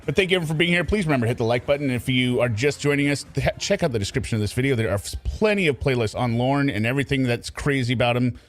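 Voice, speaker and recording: A man's voice: medium pitch, racing, few pauses. A man hosting a casual commentary show, talking with sarcastic, scornful asides. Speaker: commentary channel host.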